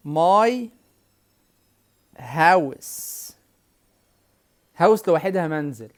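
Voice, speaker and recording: A man with an Egyptian Arabic accent teaching a whiteboard English lesson, repeating words slowly and quizzing the viewer. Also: a little high, darkish tone.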